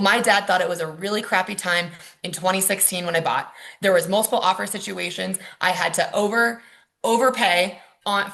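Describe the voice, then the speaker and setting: A woman's voice: fairly low pitch, gravelly, fairly bright tone. A woman, a mortgage lender, presenting a webinar over slides in a casual, chatty way with frequent ums and likes.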